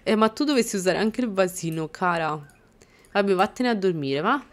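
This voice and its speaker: A woman's voice: medium pitch, expressive, moderate pace. Exasperated young woman narrating a game. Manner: exasperated, scolding the game characters, frequent laughs and exclamations. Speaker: gaming channel host. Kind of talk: casual let's-play commentary.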